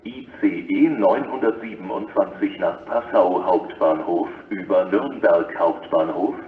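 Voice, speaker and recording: A man reads a flat, formal, segmented scripted platform announcement as a railway station announcer. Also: low voice, measured pace. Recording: echoey, distant, dull station loudspeaker with noise.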